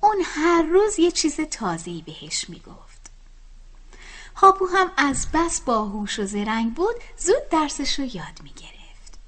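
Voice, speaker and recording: A woman reading a children's animal story aloud in a soft, hushed whisper. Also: high-pitched, big pitch swings, soft background music. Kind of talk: whispered bedtime story narration.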